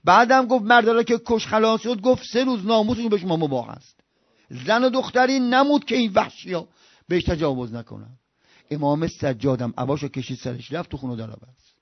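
A man preaching an impassioned sermon. He swings from loud outbursts to hushed murmurs and chants scripture in a slow recitation. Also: high voice, no room sound, lo-fi sound.

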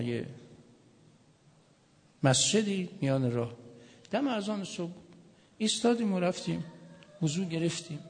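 A man's voice: high voice, gravelly, big-room sound. A male cleric preaching a sermon, telling stories with joking asides. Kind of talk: sermon with anecdotes.

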